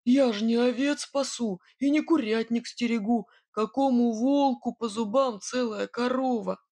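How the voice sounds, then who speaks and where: Woman playing a boastful gruff robber. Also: a little high, measured pace, warm tone, no echo. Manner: blustering, then grim and menacing. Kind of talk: audiobook character voice.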